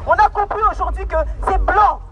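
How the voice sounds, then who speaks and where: Fierce high-voiced woman at a street rally. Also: normal speed, dull audio, over loud music. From France. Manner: fierce, declamatory, repeats phrases for emphasis. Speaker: protest speaker. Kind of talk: impassioned outdoor protest speech. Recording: loud crowd at an outdoor street rally. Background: loud crowd, traffic.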